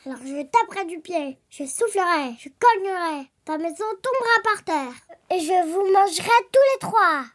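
A woman voicing a menacing hungry male wolf in a read-aloud children's story, dropping into a lower, threatening voice. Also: expressive, normal speed, fairly bright tone.

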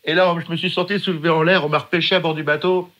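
A man's voice: a little high, level tone, fast, highs cut off. A middle-aged man from France, telling his own story as a guest with vivid, emphatic delivery. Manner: vivid, emphatic, acts out shouted quotes. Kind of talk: dramatic personal storytelling.

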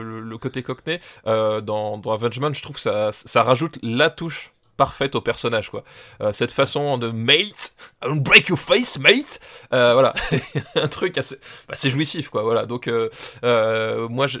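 A man's voice: medium pitch, fairly bright tone. A man co-hosting a podcast, talking in an enthusiastic, slangy, casual way. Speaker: podcast co-host.

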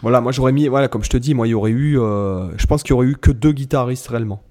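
A man's voice: mid-range voice, rapid-fire, darkish tone. A man hosting a podcast in casual chat, rambling and hesitant, often repeating words as he goes. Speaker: podcast host.

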